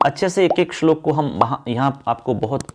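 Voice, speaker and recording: A male teacher giving an exam-focused lesson, calling his viewers friends and children and chanting verses slowly. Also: mid-range voice, lively intonation, slight background noise.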